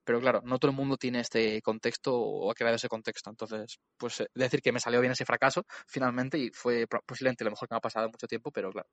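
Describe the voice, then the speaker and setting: A man in his twenties with a Castilian Spanish accent, speaking as an entrepreneur guest in a casual, slangy, animated interview chat. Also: medium pitch, fast talker, hardly any pauses, no echo, lo-fi sound. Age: 20s.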